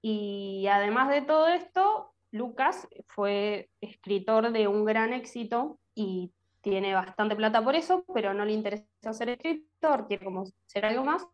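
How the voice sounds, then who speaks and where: A woman with an Argentine accent, a podcast guest chatting in a lively, joking way. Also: medium pitch, unhurried, lo-fi sound. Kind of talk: casual chat.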